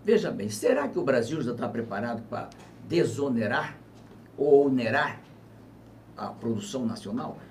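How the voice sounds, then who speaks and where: A man in his seventies, a former governor, talks through politics in an interview, reflective and measured with emphatic bursts. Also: medium pitch, expressive, darkish tone. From Brazil. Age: 70s. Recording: distant mic with faint ambient noise.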